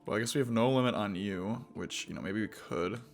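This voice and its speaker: A young man giving casual gameplay commentary, rambling and halting with many fillers and restarts. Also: on the low side, creaky, faint music behind. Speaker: gaming video host.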